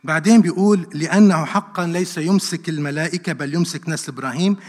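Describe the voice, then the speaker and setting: A man's voice: on the high side, fast talker. A man preaching a sermon, asking rhetorical questions and repeating verses for emphasis. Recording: long hall reverb.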